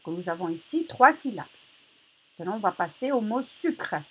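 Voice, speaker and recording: A female teacher leading a reading lesson for children, slowly repeating words and stressing each syllable loudly. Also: mid-range voice, big pitch swings, husky, low-quality recording.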